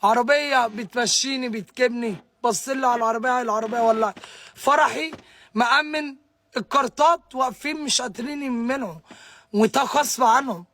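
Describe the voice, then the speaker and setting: A distraught young man with an Egyptian Arabic accent rants live to his viewers, his voice very high-pitched, bright and forceful, and a little fast. The livestreamer stammers and repeats himself while answering their comments.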